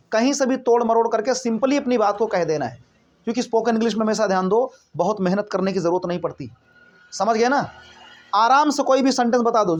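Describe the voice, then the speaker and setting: A man teaching a spoken English lesson, asking questions and answering them himself, often checking that listeners are following. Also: very high-pitched. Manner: explains by asking and answering his own questions; repeats points, checks in with listeners.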